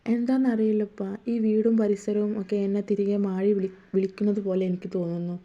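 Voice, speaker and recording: A woman voicing a gentle young wife who speaks softly and pleadingly, in a dull lo-fi recording. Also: medium pitch, little pitch movement, a little fast, natural voice. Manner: soft, pleading.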